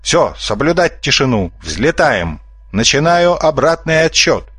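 A man's voice: a little high, very animated, measured pace, fairly bright tone, dry recording, voice pushed up, full character voice. A man doing a sly, bossy fox swindler. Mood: commanding. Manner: brash, bossy, smooth-talking. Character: sly red-haired male fox swindler.

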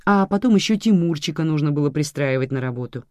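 A woman reading a first-person audiobook narration in a measured storytelling manner. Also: deep voice, lively intonation, a little mellow, dry recording, studio quality. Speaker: audiobook reader.

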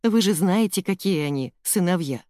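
A woman's voice: fairly low pitch, animated, moderate pace, darkish tone, dry recording, studio quality, close to an everyday voice. A woman doing a fussy, strict mother. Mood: fussing. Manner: emphatic, scolding.

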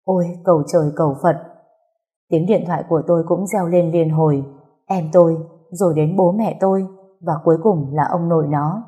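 Brief: woman audiobook narrator, low mellow voice, earnest emotional first-person storytelling. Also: steady tone, a little fast.

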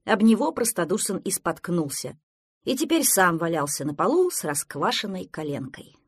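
A woman reading a children's story aloud in an expressive, animated way. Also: fairly low pitch, moderate pace, slightly rough, no echo, studio quality.

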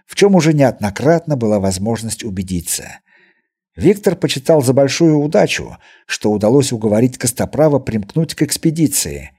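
A man narrating an adventure audiobook with expressive storytelling. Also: mid-range voice, slightly rough. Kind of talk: scripted narration.

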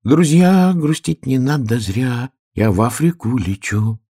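A man voicing a cheerful brave little boy piglet, talking in a bright, drawn-out sing-song. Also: mid-range voice, very animated, no echo, studio quality, voice pushed up.

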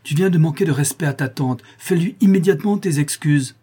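A man's voice: medium pitch, normal speed, mellow, slightly rough, close to an everyday voice. A man reading a storybook, voicing a stern old professor uncle who speaks in a commanding tone. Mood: indignant.

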